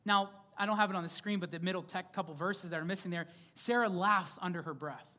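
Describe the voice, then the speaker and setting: A man's voice: high-pitched, fast talker, sharp tone. Male pastor, young adult, sermon, conversational, humorous, asks the congregation questions.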